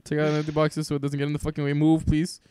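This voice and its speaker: A young man playing a co-op cooking game, excitable and swearing, often bursting into panicked shouts and laughter. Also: on the high side, racing, a little hiss or hum. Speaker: gamer playing co-op. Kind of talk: casual gameplay chat.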